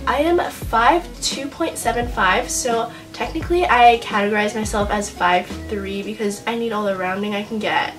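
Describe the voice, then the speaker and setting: With faint music in the background, a teenage girl from Honolulu, Hawaii, about 16 to 17, vlogs from a small bedroom in a medium-pitched voice at a moderate pace with few pauses. She has an American accent and chats informally, full of slang and self-deprecating humor.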